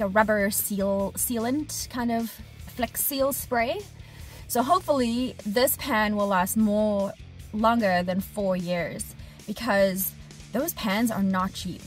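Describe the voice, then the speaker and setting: Parked in her truck cab, an HVAC technician in her thirties who runs her own business talks to camera for a casual vlog diary, animated and gesturing as she speaks. Her medium-pitched voice comes slowly over soft background music, captured by a dashboard camera at arm's length.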